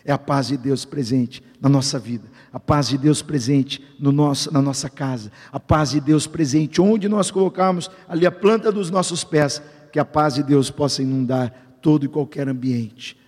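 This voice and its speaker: A man's voice: medium pitch, moderate pace, few pauses, darkish tone, husky. A man preaching and leading prayer as a pastor, urging the congregation with fervent, repetitive exhortation. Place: church sanctuary. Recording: long church-hall reverb with faint music.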